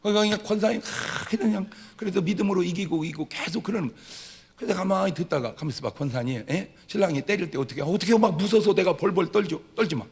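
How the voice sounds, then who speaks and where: A man preaching a lively Sunday sermon as pastor, telling stories with acted-out dialogue and swinging from loud shouts to quiet asides. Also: high voice, fast, gravelly. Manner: humorous storytelling with acted-out dialogue. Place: church sanctuary. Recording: long hall reverb of a church.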